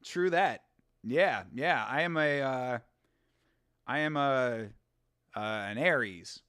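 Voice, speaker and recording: This host's medium-pitched voice is pushed, bright, and smooth, with lively intonation but a slow delivery. Recorded cleanly in a studio with no echo, he rambles casually through a live watch-along, cursing, laughing often, and replying to viewers.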